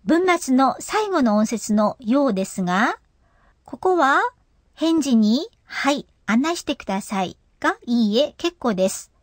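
A woman's voice: sits high, very animated, unhurried, no echo, studio quality. A woman teaching a radio language lesson, explaining pronunciation in a patient way.

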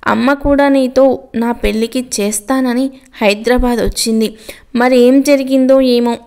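A woman's voice: a little high, steady tone, a little slow, dark tone, clear, resonant tone. A woman reading an earnest regretful young man. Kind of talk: storybook reading.

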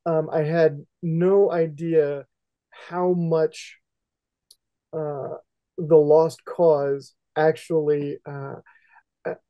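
A middle-aged man from West Central Indiana co-hosts a podcast in a casual interview, asking rambling, hesitant questions full of fillers over a headset on a video call. His voice is a little high with little pitch movement, extremely slow with long pauses. The call audio is dull and lo-fi.

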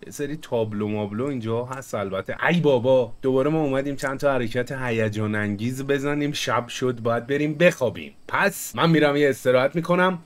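A man hosts a casual let's-play, his voice sitting at an ordinary middle pitch. He keeps up a loose, joking running commentary, half to himself and half to his viewers. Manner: chatty, jokey, talks to himself and viewers while playing. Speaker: gaming channel host.

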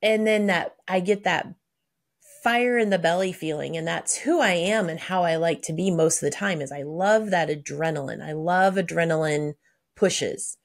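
A woman co-hosting a podcast, answering questions with excitable stories and acting out her own thoughts in a chatty way. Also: fairly low pitch, normal speed. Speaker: podcast co-host. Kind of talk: conversational podcast talk.

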